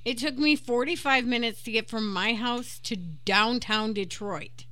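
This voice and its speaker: A woman's voice: fairly high pitch, measured pace, bright, forceful tone. A woman co-hosting a podcast in casual chat, blunt and exasperated, swearing freely. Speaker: podcast co-host.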